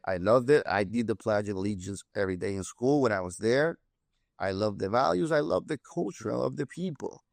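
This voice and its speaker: A man from Honduras speaks English, his voice gravelly and mid-pitched. He delivers political commentary with passion and insistent repetition. The sound is close and dry. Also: animated, a little fast, dry recording. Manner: impassioned, repetitive emphasis. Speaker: political guest.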